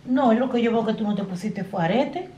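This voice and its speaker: A woman's voice: a little high, brisk, warm tone, muffled recording, a little hiss or hum. A woman vlogger chatting casually to her viewers from inside a car, laughing often, recorded on a phone. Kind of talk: casual chat to camera. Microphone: phone camera.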